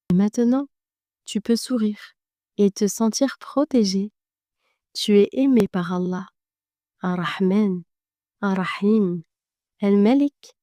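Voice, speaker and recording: A woman narrating a guided meditation in a slow, gentle and soothing way, speaking directly to the listener. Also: medium pitch, no echo, clean studio sound.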